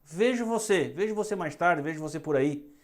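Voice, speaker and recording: A woman with a Brazilian accent teaching English phrases in a lesson, saying each one slowly so students can repeat it. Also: low voice, lively intonation, darkish tone.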